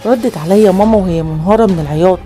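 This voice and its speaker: Egyptian woman reading a scary story, fast, soft dark voice, light music behind. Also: on the low side. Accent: Egyptian Arabic. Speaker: horror story narrator. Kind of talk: scripted horror narration. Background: faint music.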